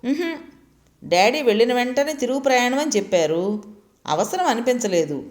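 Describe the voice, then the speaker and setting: A woman's voice: on the high side, lively intonation, moderate pace, a little mellow, pitched above the performer's own voice, lightly acted. A woman voicing a shy young man who answers politely and briefly. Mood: modest.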